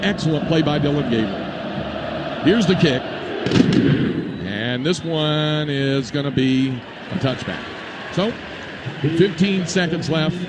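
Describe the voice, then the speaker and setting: Man calling a game, classic radio announcer, loud noise. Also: a little high, animated, takes it slowly, pauses often. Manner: clipped phrases, classic radio ballgame announcer delivery. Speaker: radio football play-by-play announcer. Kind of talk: live radio sports play-by-play commentary. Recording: very noisy live outdoor stadium broadcast.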